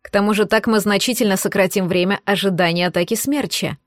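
A woman reading the lines of a sober male dragon adviser, in a calm and grave tone. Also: medium pitch, fast, no echo, studio quality, natural voice.

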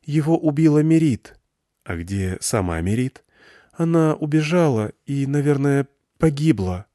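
A man voicing a tearful, defiant teenage girl with high, strained speech. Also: animated, measured pace, warm tone, no room sound, studio quality, close to an everyday voice. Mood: subdued.

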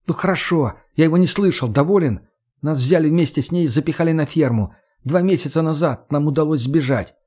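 Man doing a shrill, frantic teenage boy. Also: fairly quick, darkish tone, slightly rough. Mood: defensive. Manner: high, strained, emotional pleading. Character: scared pleading teenage boy, shrill and insistent.

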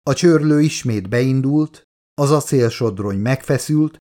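A man reading his own audiobook aloud as narrator, in an even, measured storytelling voice. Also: medium pitch. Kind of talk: scripted narration.

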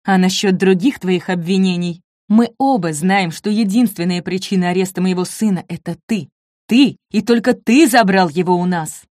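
A woman's voice: fairly low pitch, moderate pace, a little mellow, dry recording, clean studio sound, natural voice. Woman reading as a defiant old father. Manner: defiant, firm.

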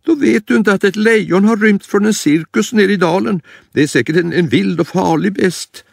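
A man's voice: sits high, gravelly, dry recording, clean studio sound, voice pushed up. A man voicing a cautious old grandmother in a storybook reading, talking in an anxious, warning way. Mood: worried.

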